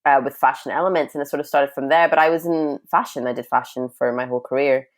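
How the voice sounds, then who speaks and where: A woman in her thirties, a writer and filmmaker born in Sudan and raised in Northern Ireland and Scotland, chats freely as a guest in a casual interview. Her international accent mixes Northern Irish and Scottish; she laughs often and calls herself a talker. Her voice is rumbling low, steady in tone, and quick.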